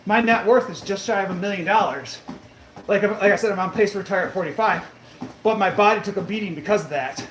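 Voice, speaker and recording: His voice high, a little fast and fairly bright, a man in his late thirties livestreams from a gym treadmill, slightly winded. Brash, boastful and casually profane, he chats while reading viewer comments, and the room has an echo and faint background noise.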